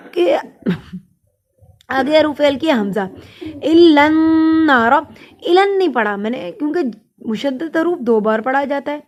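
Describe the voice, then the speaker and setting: A woman teaching tajweed step by step, explaining each sound before reciting it slowly and drawn out. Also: high-pitched, dull audio. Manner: patient, step-by-step. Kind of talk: tajweed lesson with slow recitation.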